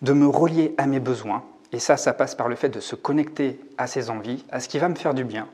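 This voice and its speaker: A man's voice: mid-range voice, fairly quick, darkish tone, husky. Forties male coach, musing and hesitant delivery straight to camera. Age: 40s. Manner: reflective, thinking aloud with frequent hesitations. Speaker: YouTube coach on hypersensitivity. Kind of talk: casual talk to camera. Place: rented room.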